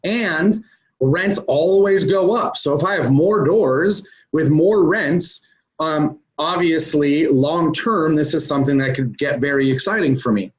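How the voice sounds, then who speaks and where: Higher-voiced man explaining business, lo-fi. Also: unhurried. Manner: conversational, explains step by step with many "um" and "uh" fillers. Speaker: interview guest, real estate investor. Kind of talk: casual business explanation in an interview. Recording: dull lo-fi recording.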